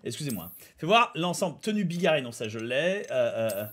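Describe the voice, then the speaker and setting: A man's voice: fairly high pitch, very animated, brisk, fairly bright tone. A man giving casual, slangy and playful gameplay commentary, full of exclamations. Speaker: video game streamer and host. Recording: game music behind the voice.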